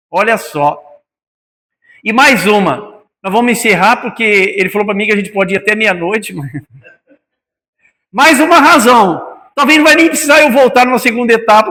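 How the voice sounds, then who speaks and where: A man's voice: high-pitched, sharp tone. A man with a Brazilian Portuguese accent giving a spiritist talk to an audience, calling them brothers and asking many rhetorical questions, in a meeting hall. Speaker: spiritist lecturer. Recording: long hall reverb.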